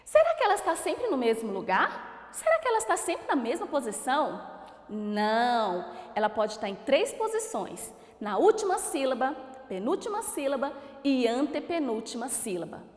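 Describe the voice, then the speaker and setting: A woman's voice: high voice, big pitch swings, moderate pace. A woman teacher giving a recorded school lesson, stretching out example words in a sing-song way to show their stress. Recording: echoey room with long reverb.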